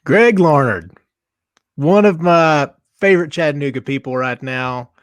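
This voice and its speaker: A man's voice: fairly high pitch, animated, measured pace, no room sound. A man hosting a sports podcast, upbeat and teasing, chatting with his guest. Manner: upbeat, teasing, laughs along. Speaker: podcast host. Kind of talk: casual chat.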